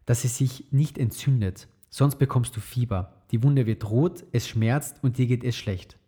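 A man reading the lines of a calm, caring mother in a storybook, slow and patient. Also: mid-range voice, slightly rough.

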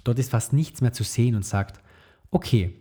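A man reading a children's story aloud in a clear, even way. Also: medium pitch, brisk.

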